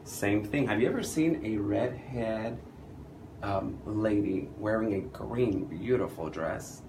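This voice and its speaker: A man's voice: fairly low pitch, slow, background noise. A man working as a makeup artist, chatting through an on-camera makeup demonstration and often asking questions. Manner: animated, chatty, asks the viewer questions.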